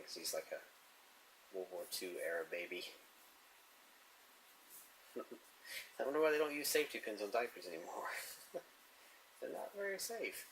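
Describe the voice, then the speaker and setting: A man's voice: sits low, a bit bright, slight background noise, rough recording. A man musing and chuckling to himself as he draws, talking casually about comics and his sketch. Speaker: artist drawing on camera. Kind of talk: casual narration while drawing.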